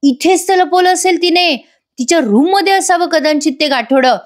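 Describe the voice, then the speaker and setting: A woman's voice: extremely high pitch, normal speed, pitched above the performer's own voice. A woman voicing a puzzled young man who talks to himself while thinking something through. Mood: musing. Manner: musing, talking to himself.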